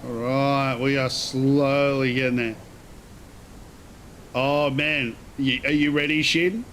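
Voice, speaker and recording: A man's voice: mid-range voice, fairly even intonation, takes it slowly, fairly bright tone, a little hiss or hum. A man giving casual, slangy live gameplay commentary, rambling as he thinks aloud. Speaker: game streamer.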